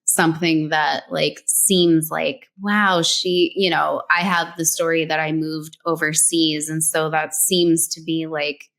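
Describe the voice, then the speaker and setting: Slow, low and creaky, the voice of a New Mexico woman flows with hardly any pauses as she gives advice during a casual interview. A brand story strategist appearing as a guest, she's relaxed and chatty, using many "like"s and "um"s.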